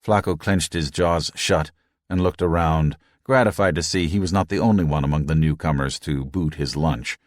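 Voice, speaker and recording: A man reading an audiobook in a measured, even narration. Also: very deep voice, no echo, clean studio sound. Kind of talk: scripted narration.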